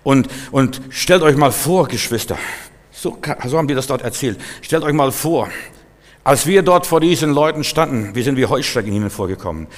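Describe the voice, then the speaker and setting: A man preaching a sermon to his congregation, emphatic, repeating key words and swinging between loud outbursts and quiet asides. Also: medium pitch, animated, normal speed. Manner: addresses listeners directly, repeats key words. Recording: long hall reverb of a church.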